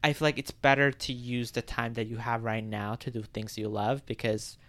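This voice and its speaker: A man's voice: medium pitch, little pitch movement, moderate pace, a bit bright, no echo. A young man hosting a solo podcast, musing in a rambling, reflective way with many filler words. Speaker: podcast host. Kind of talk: casual solo podcast monologue.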